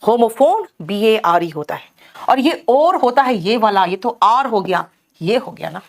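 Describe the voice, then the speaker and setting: Lively Indian woman teaching English grammar. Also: on the high side, measured pace. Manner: addresses students as "beta", keeps asking "clear?" and "theek hai?". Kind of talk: exam-prep lesson.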